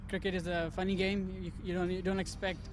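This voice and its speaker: A man's voice: sits high, flat delivery, fast talker, over music. A man from Pakistan, a cricket player, answering interview questions outdoors, hesitant and repeating words.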